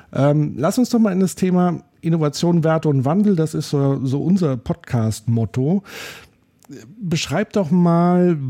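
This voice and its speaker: Male podcast host, very dark mellow voice, friendly and a bit hesitant. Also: medium pitch. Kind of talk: interviewing.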